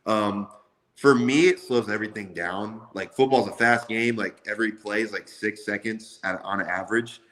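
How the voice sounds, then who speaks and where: Man in his twenties, athlete, deep pitch, bright edgy tone, casual interview chat, slangy delivery. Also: moderate pace. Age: 20s. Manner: loose, slangy, repeats "like" often. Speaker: college football player being interviewed.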